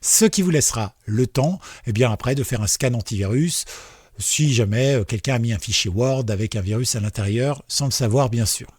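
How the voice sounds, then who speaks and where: A man walks viewers through a computer tutorial in a relaxed, chatty way, padding his explanations with fillers and friendly asides. His voice is mid-pitched and somewhat husky. The recording is dry and close, with no room echo. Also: moderate pace. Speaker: tech tutorial host. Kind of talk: casual screen-share tutorial.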